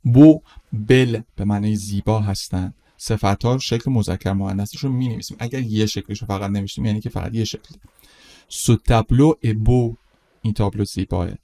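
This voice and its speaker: A middle-aged man teaching French vocabulary in a lesson. He says each word slowly several times, then explains it quickly. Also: lowish voice, steady tone, dark tone. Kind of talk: vocabulary lesson with slow, repeated pronunciation.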